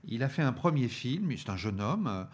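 A man's voice: medium pitch, very animated, moderate pace. A man reviewing DVDs on a talk show, speaking with many hesitations, fillers and restarts. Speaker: film reviewer presenting a DVD selection. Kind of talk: radio-style review chat.

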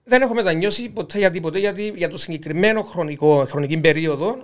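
A man with a Cypriot Greek accent, talking as an interview guest about music, with frequent restarts. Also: high voice. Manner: talkative, halting restarts. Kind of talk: casual conversation.

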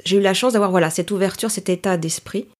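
Here an executive coach, a middle-aged Parisian woman from a Greek family, talks fast at a medium pitch. She comes across as thoughtful and articulate while answering as a guest in a reflective interview.

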